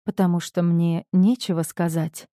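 A woman's voice: on the low side, moderate pace, dry recording, studio quality, close to an everyday voice. A woman reader voicing a cool, stern woman who answers curtly. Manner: curt, calm, snapping.

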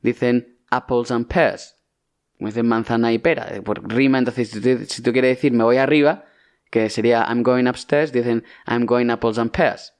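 A man's voice: medium pitch, steady tone, moderate pace, smooth. A man with a Spanish accent co-hosting a casual film podcast, explaining things at length with frequent restarts. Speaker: podcast co-host.

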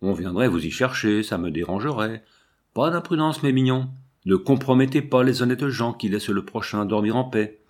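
A man reading a storybook and voicing a cocky teenage boy with a raspy voice, breezy and mock-ceremonious. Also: medium pitch, animated, normal speed, lightly acted. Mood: cheeky.

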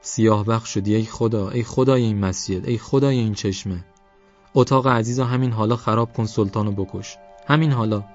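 A man's voice: on the low side, steady tone, far from the mic, lo-fi sound, faint music behind, lightly acted. A man reading an audiobook, voicing a desperate village mother who laments and pleads. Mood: wailing.

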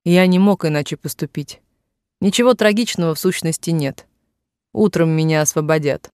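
A man reading the lines of a bruised young man in jail who gently reassures his father, in a dry room. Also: fairly high pitch, normal speed, smooth, no echo, natural voice. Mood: reassuring. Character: young son in jail, bruised, brave and cheerful.

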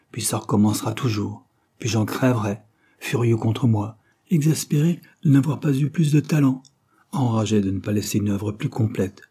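A man voicing a tormented, self-doubting male novelist in a feverish, rising declamation, his voice dark and husky. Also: fairly low pitch.

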